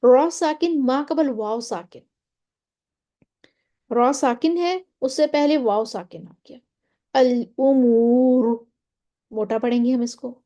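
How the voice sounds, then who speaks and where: Soft-voiced woman teaching a recitation lesson. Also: high-pitched, animated. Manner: explains step by step, often checking in with "theek hai?"; draws out Quranic example words slowly. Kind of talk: tajweed lesson explanation.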